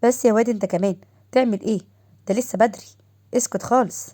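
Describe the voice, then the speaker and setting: A woman voicing a sharp-tongued middle-aged mother who scolds loudly, with an Egyptian accent. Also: fairly high pitch, fast talker, lightly acted. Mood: scolding. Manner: scolding, shouting.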